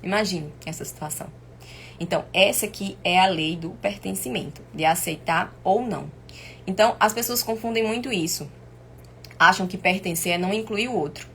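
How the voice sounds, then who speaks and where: A woman's voice: medium pitch, moderate pace, a bit bright. A woman with a Brazilian accent and an inflamed, sore throat, teaching informally on a live stream in an emphatic, didactic way with repeated points. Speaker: family constellation teacher hosting a live stream. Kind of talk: informal live lesson to viewers. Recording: clear background noise.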